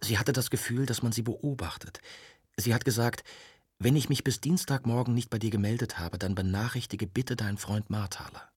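A man's voice: medium pitch, fairly even intonation, moderate pace, darkish tone, slightly rough, no room sound, clean studio sound, close to an everyday voice. A man voicing a stubborn young woman journalist who presses and pleads insistently, in an audiobook. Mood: pleading. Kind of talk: audiobook dialogue.

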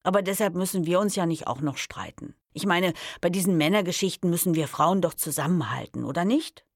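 Blunt, distrustful young woman, reproachful, low creaky voice, read by a woman narrator. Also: fairly quick, no room sound, studio quality. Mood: grumbling. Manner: reproachful, stubborn. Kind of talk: audiobook reading.

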